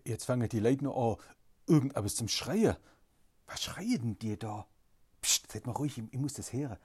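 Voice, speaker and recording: A storyteller tells a Bible story as an eyewitness, stammering with excitement and asking question after question. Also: medium pitch. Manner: excited, stammering, asks many wondering questions.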